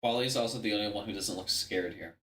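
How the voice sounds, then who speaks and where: A man's voice: on the low side, quick pace, fairly bright tone. A man giving casual, foul-mouthed reaction commentary as the host. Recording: roomy echo, distant mic, background chatter.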